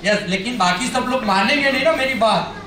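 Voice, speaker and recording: Man, children's party magician, playful teasing patter, loud projected delivery, very echoey hall, loud crowd noise. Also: very high voice, fairly quick. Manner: playful teasing, coaxing children with questions and repeated instructions; projecting loudly to a party audience. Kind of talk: live kids' magic show patter.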